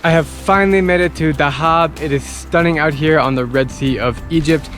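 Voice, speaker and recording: A man's voice: fairly high pitch, normal speed, fairly bright tone, soft background music. Upbeat male travel vlogger. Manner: enthusiastic, upbeat. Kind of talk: travel vlog narration and interview. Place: outdoors in a seaside town.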